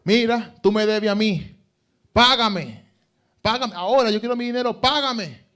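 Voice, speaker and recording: A man's voice: very high voice, expressive, very slow, sharp tone, pitched above the performer's own voice, full character voice. A man preaching acts out an arrogant male servant who harshly and insistently demands his money. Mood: demanding.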